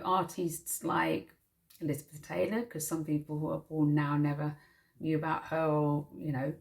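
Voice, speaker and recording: A woman hosting her own vlog channel, chatting casually and gushing with soft, drawn-out emphasis. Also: on the low side, creaky. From United Kingdom. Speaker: channel host.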